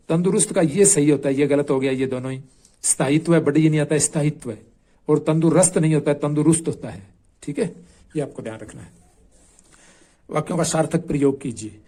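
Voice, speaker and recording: A man's voice: on the high side, a little mellow. A man coaching exam candidates, going patiently through a marked answer sheet and repeating the key points.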